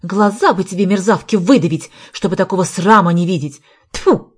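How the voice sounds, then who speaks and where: A woman reading an audiobook, voicing a shrill, vicious, unkempt woman. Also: moderate pace, slightly rough. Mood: furious spiteful.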